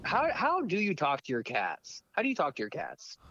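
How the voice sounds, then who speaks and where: A man casually co-hosting a podcast, an animated storyteller who swears and laughs often. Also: a little high, normal speed, no room sound, highs cut off. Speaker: podcast co-host. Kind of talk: casual chat.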